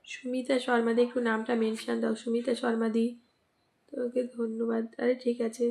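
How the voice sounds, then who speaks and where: Female live-stream host, croaky from a cold, slightly high pitch. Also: level tone, brisk, darkish tone. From West Bengal, India. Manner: greets and thanks commenters by name, asks for mentions. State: sore throat and cold, coughing. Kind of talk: casual live-stream chat with viewers.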